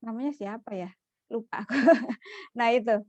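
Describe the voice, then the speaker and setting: A woman's voice: on the high side, moderate pace, a little mellow, dry recording. A woman casually retelling a religious story, chatty, with many fillers and frequent laughs.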